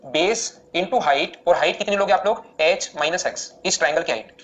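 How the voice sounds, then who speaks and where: A man teaching maths in a live online class, explaining steps rapidly and repeatedly asking students questions. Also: on the high side, fairly bright tone.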